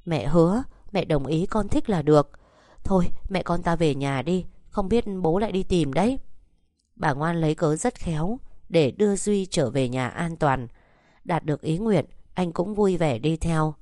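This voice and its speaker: Woman reading a story out calm and steady, low mellow voice, dry close sound. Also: dry recording. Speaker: narrator. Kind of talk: storytelling narration.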